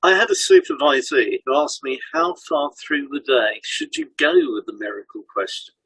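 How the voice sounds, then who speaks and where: Reading scripted dialogue for an educational podcast, a male co-host who trains hypnotherapists explains material instructively. His extremely high voice swoops wildly in pitch at a normal speed, gravelly, husky and a bit bright, captured roughly with no room sound.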